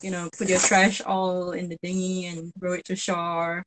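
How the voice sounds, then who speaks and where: A woman in her thirties from Malaysia speaks plainly and practically as a guest. Her voice sits fairly low, and her tone stays matter-of-fact. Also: flat delivery, normal speed, a bit bright, rough recording. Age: 30s. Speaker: sailing vlogger guest. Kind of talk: casual chat.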